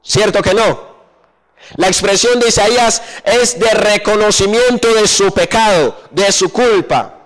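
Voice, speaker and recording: A man preaching a sermon, often pausing mid-verse to ask his listeners what comes next and slowing down to drop low on key phrases. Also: fairly bright tone, low-quality recording. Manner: asks the congregation questions and pauses for answers.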